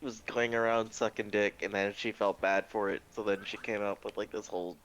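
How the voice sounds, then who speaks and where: A man's voice: fairly low pitch, flat delivery, a little fast, a bit bright, low-quality recording. A man in casual chat with friends, telling stories bluntly and crudely.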